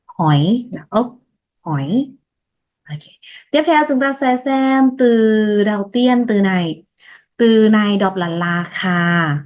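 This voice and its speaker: A woman teaching vocabulary, saying each word slowly and repeating it before explaining it. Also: on the low side. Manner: repeats words slowly, then explains briskly. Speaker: language teacher. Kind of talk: vocabulary lesson, slow repetition. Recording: dull lo-fi sound.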